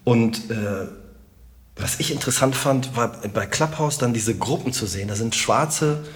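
A middle-aged man with a Rhineland German accent, a comedian chatting as a podcast guest in an animated, joking and emphatic way. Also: mid-range voice, a little slow. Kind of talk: casual podcast conversation.

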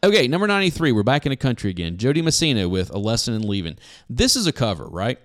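A man's voice: medium pitch, very animated, fast, a bit bright. A man co-hosting a casual music chart podcast, chatty and hesitant, with frequent restarts and easy laughter. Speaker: podcast co-host.

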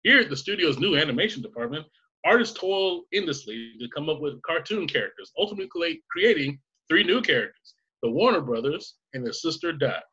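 A man on a podcast voicing an old newsreel announcer, declaiming grandly and briskly. The recording sounds dull and lo-fi. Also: on the high side, very animated, pushed and bright, husky, heavily acted. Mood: announcing.

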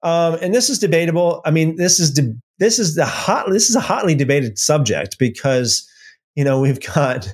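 A man with a fairly high, slightly rough voice speaks at a moderate pace in an animated way. He hosts a casual Bible study livestream, reading viewer comments aloud and answering them with lots of fillers and restarts.

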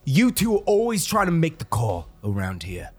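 A man's voice: a little high, huge pitch swings, normal speed, a little mellow, slightly rough, faint music behind, exaggerated voice. A man voicing a fed-up male alien brother who takes command, bossy and blunt with plenty of swearing.

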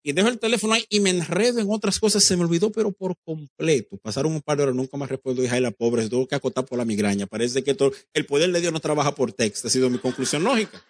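A man's voice: on the high side, fast, hardly any pauses, no room sound. Emphatic preacher man with a dry sound. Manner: emphatic preaching, addresses the congregation directly, acts out quoted dialogue; drops English phrases into Spanish. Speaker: pastor. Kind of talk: sermon.

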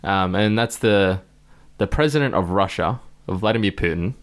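A man's voice: sits low, animated, moderate pace. A man chatting as a podcast co-host, playfully reading out quotes and questions. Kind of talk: casual chat.

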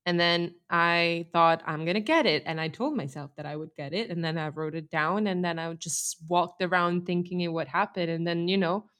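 A young woman in casual chat, talking reflectively and hesitantly, trailing off softly. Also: fairly low pitch, moderate pace, hardly any pauses.

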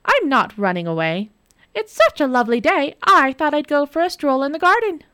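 A woman voicing a bold, determined young wife in a storybook reading, in a high, sugary, mock-sweet manner. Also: sing-song, a little slow, a bit bright, no room sound, studio quality.

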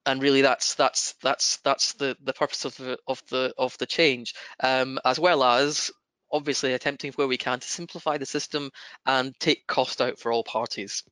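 Guy with a broad scottish accent doing a webinar talk, crisp bright voice, very dry sound. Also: mid-range voice, flat delivery, normal speed, no room sound. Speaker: webinar presenter. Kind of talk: webinar presentation.

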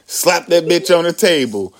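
A man co-hosting a casual podcast, telling stories in an animated, laughing way and swearing freely. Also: a little high, moderate pace. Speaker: podcast co-host. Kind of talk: casual chat.

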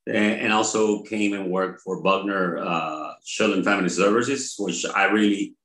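An older man from Mexico, a pastor, talking in an interview in a halting way with many pauses and fillers. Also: deep voice, a bit bright. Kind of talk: conversational interview. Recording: roomy echo.

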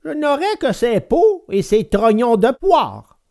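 A woman voicing a patient, kindly old woodcarver in a storybook reading, slow and gentle, giving little lessons. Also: a little high, very animated, heavily acted. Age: older.

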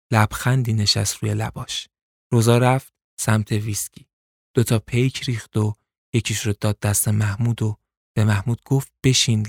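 A man's voice: lowish voice, darkish tone, no room sound, clean studio sound. A man telling a crime thriller in a colloquial, suspenseful storytelling manner. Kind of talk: dramatic story narration.

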